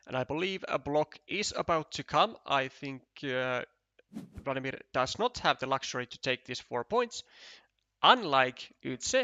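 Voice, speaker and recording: Unhurried man commentating a board game. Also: a little high, bright, forceful tone, no echo, dull audio. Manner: thinking aloud, counting tiles, many restarts. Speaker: esports commentator.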